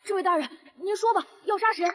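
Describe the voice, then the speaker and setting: A fierce young street beggar in a story drama, acted by a woman, with a very high voice and breakneck speed. The delivery is earnest, urgent and blunt. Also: fast talker, a bit bright.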